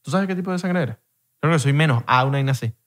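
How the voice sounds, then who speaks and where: A young man with a Venezuelan accent chatting casually on a podcast and telling stories in a slangy, lively way. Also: a little high, fast talker. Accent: Venezuelan Spanish. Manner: slangy, animated storytelling. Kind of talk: casual chat.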